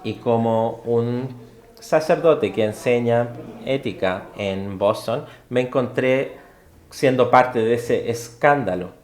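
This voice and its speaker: A man relays a university lecture in spoken interpretation, mid-pitched and halting. He leans on fillers and corrects himself mid-phrase. The sound carries a roomy echo. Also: darkish tone.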